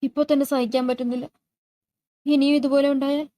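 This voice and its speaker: A woman's voice: high-pitched, level tone, fairly quick, dark tone, pitched above the performer's own voice, lightly acted. A woman voicing a frightened young woman in pain. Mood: worried. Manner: anxious, pleading.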